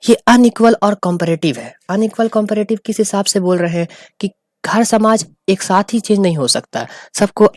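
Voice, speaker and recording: A man's voice: sits high, dry recording, studio quality. Man giving a sociology lesson. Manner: explains and repeats terms, mixing in English words. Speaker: teacher. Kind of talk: sociology lecture.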